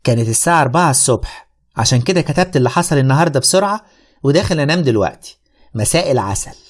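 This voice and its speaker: A man with an Egyptian accent narrating a radio drama in the first person, with wry, lively storytelling. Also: medium pitch, very fast.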